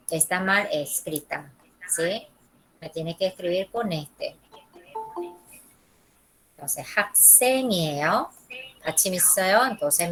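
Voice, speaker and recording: A woman's voice: lowish voice, a bit bright, a little hiss or hum, low-quality recording. A woman teaching a Korean lesson in Spanish, who models each pronunciation, repeats it and keeps checking with "¿sí?" and "¿ok?". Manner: checks understanding with frequent ¿sí? and ¿ok?. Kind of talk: classroom lesson.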